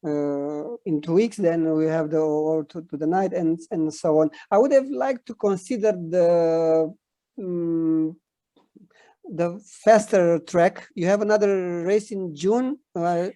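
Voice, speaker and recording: Halting Romanian-accented man, mellow voice. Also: fairly high pitch, no echo. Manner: halting, searching for words. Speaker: interview guest, runner. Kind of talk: casual interview chat.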